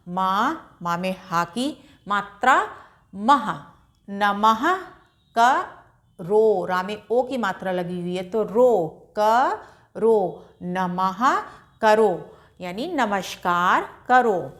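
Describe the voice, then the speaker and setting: Slow, patient woman teaching reading. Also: medium pitch, a bit bright. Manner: sounds out syllables slowly and patiently, repeating each word. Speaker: Hindi literacy teacher. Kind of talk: slow step-by-step reading lesson. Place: indoors at a classroom board.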